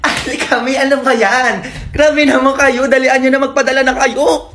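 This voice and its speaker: A woman's voice: sits high, fairly even intonation, moderate pace, a bit bright, a little hiss or hum. A woman playfully teasing viewers by name as she hosts a comedic selling segment. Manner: teasing, playful, calls out names.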